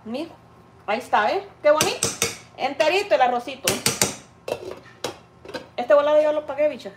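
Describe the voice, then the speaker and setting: Woman, cooking vlog chat, rambling and affectionate, high-pitched, echoey room. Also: lively intonation, normal speed, very noisy. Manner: chatty, rambling, calls the viewer "niña" and "hija linda". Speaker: cooking vlogger. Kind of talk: casual chat while cooking. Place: home kitchen, indoors.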